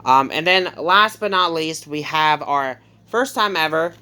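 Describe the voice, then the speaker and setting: A casual vlogger talks through predictions in a loose, hesitant way, stopping on ums and correcting slips as they go. The voice is crisp and smooth, with a bright, forward edge. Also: mid-range voice, unhurried. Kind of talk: casual wrestling prediction talk.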